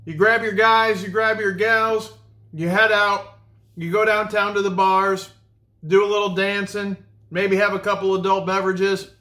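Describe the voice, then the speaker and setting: Bright-voiced upbeat male vlog host. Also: sits high, flat delivery, moderate pace. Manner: upbeat, chatty, talks to viewers while snacking. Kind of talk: casual vlog chat. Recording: echoey room.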